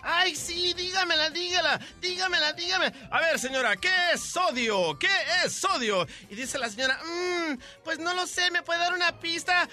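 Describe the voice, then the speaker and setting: A man's voice: very high-pitched, moderate pace, few pauses, sharp tone, soft background music. A man co-hosting a radio comedy show, telling jokes and voicing the people in them. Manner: joking, voices people in his jokes. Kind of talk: morning radio comedy banter.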